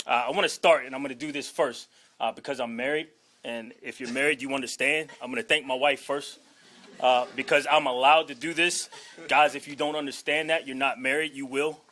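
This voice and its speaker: Fairly quick and even in intonation, his medium-pitched voice sounds bright and forceful. The new head football coach, a forty-something man from Washington, D.C., makes an emphatic, earnest introductory speech to the press, holding emotion back and regularly adding "okay?" or "all right?"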